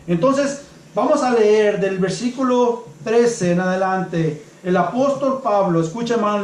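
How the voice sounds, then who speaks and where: A male pastor preaching a sermon to his congregation, calling them brothers, swinging between loud and hushed and slowing down for emphasis. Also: high voice, reverberant, slight background noise, rough recording. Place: church.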